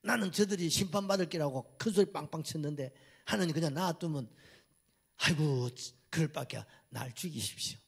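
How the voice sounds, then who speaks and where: A man's voice: mid-range voice, lively intonation, normal speed, vocal fry, breathy edge, full character voice. A man voicing a sulking, indignant prophet who pleads and protests, with a Gyeongsang accent. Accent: Gyeongsang Korean.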